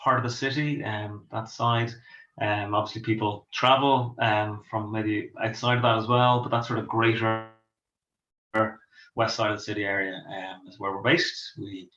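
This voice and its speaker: A man's voice: lowish voice, level tone, normal speed, fairly bright tone. A middle-aged Irish man from Dublin, a pastor and author, answering interview questions with many ums and restarts. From Ireland. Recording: echoey, dull lo-fi sound.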